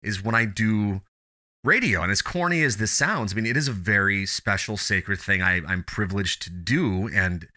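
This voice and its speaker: A man's voice: on the low side, normal speed, bright, forceful tone. A man speaking as an interview guest, reflective and earnest, repeating phrases for emphasis in a conversational way. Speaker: podcast guest, teacher and radio show host.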